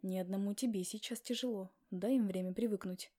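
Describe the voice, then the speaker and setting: A woman voicing a calm, steady brother in an audiobook, speaking in a measured, soothing way. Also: mid-range voice, close to an everyday voice.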